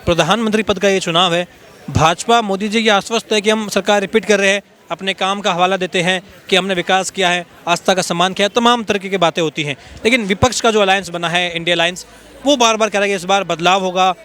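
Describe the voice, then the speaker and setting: A man's voice: sits high, steady tone, quick pace, pushed and bright. A man working as a street reporter, pressing passers-by with repeated questions outdoors.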